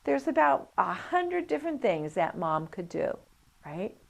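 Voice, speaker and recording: Woman teaching a parenting class, super animated, voice jumps all over, tells little stories. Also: medium pitch, unhurried, vocal fry. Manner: animated storytelling, acts out quoted voices. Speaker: coparenting class instructor. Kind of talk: lively teaching talk with anecdotes.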